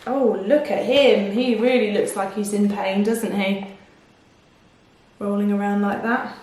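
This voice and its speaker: Reading a children's story the way a teacher might, a woman with a mid-range, slightly mellow voice speaks a little slowly with fairly even intonation. She reads expressively and pauses to ask the young listeners questions, captured by a distant microphone in a very echoey room.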